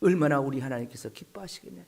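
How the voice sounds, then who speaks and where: A man's voice: medium pitch, quick pace, vocal fry, darkish tone. A male pastor preaching a sermon, telling the story dramatically and dropping at times to whispers.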